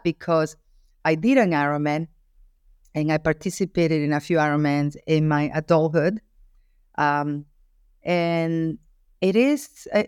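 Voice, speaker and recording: A woman's voice: low-pitched, clear, resonant tone, no room sound, studio quality. A woman from Ecuador, an author being interviewed, speaking earnestly and reflectively, with frequent restarts. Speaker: author and guest. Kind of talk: interview answer.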